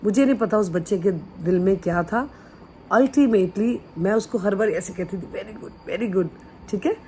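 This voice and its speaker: A woman dance teacher speaks to other teachers in a casual advice video, with earnest encouragement and English phrases mixed into her talk. Her voice sits at a middle pitch. A faint hiss stays in the background. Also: normal speed, a little mellow, low-quality recording. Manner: mixes Hindi with English phrases.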